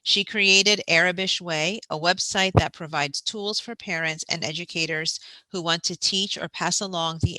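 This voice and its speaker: Hosting a festival session, a woman with a fairly low, sharp-toned voice offers friendly announcements and reads a guest's prepared introduction in an informative way. The audio is poor, though there's no room sound.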